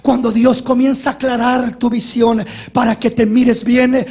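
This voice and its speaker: A man preaching an impassioned sermon in a very high, husky voice. He acts out the complaints he quotes, swinging between raised, forceful lines and low, quiet ones. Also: level tone, a little slow. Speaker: pastor.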